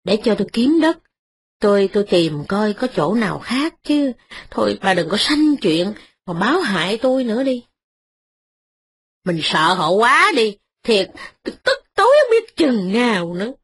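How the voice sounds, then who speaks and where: A woman's voice: medium pitch, very animated, moderate pace, husky. A woman voicing a timid, honest tenant farmer who pleads and gives in. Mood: pleading. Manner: pleading, resigned.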